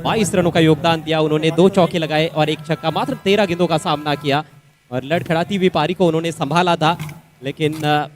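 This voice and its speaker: A man with an Indian accent provides live cricket commentary in a somewhat high voice. He is analytical and articulate, favouring formal wording as he sums up the play.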